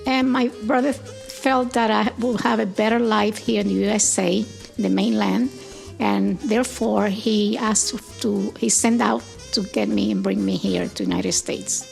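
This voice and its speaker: Gravelly older woman. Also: medium pitch, fairly even intonation, faint music behind. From Puerto Rico. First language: Spanish. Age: 70s. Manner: gentle, unhurried, with thoughtful pauses and "uh"s. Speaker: interviewee, grandmother. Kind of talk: reflective storytelling.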